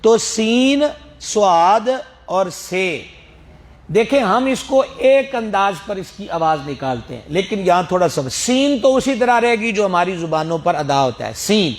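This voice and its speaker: A man teaching Quran pronunciation, drawing out letter sounds slowly, sometimes chanting, and joking with his students. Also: high-pitched, animated. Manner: slow drawn-out letter drills, sometimes chanted; friendly teasing asides to students. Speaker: religious teacher. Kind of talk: Quran recitation lesson.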